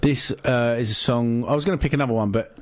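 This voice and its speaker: A man's voice: mid-range voice, fast. A man co-hosting a casual music radio show. He talks in loose, rambling bursts, trailing off and restarting mid-thought, with a dry, jokey edge. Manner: rambling, stop-start, jokey. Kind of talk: casual banter.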